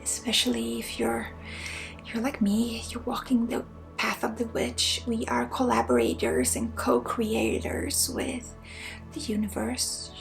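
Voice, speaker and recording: Speaking with a Swedish accent, this ASMR host and spiritual healer from Sweden guides an energy healing very slowly. Her gentle, rather high voice is gravelly and frequently falls to a whisper with a crackly texture, over quiet background music.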